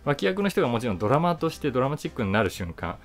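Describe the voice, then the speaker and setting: Racing through his words in a sing-song, medium-pitched voice, this forties actor and voice actor muses aloud to camera on his channel. Seated in a small indoor room with soft background music, he stresses key words and trails into asides.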